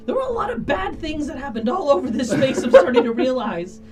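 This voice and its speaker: Casting: small bashful pot-dwelling creature played by a tabletop gamer, high, lively pitch, meek and self-deprecating, music behind. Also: brisk, distant mic. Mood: apologetic, timid. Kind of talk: improvised tabletop role-play. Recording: music behind, somewhat off-mic.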